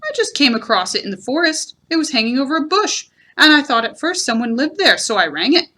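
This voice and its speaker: A pompous, wordy old-fashioned storybook owl played by a woman, explaining himself with drawn-out emphasis. The pitch sits fairly high and swoops around a great deal. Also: sing-song, bright, forceful tone, exaggerated voice. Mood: chatty, proud. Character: wordy, pedantic, self-important male owl.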